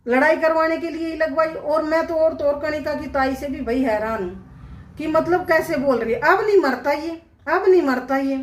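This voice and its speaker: A woman's voice: high voice, echoey room. A woman vlogger giving indignant casual commentary, talking straight to her viewers with rhetorical questions. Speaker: vlogger commenting on a family dispute.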